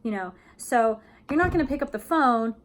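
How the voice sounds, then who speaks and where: A woman talks through an acting lesson in a relaxed, chatty way. Her voice sits fairly high, and she leans on fillers like "you know" and "um" as she explains. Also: moderate pace. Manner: chatty, many fillers, acts out excited phone calls. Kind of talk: casual explanatory talk.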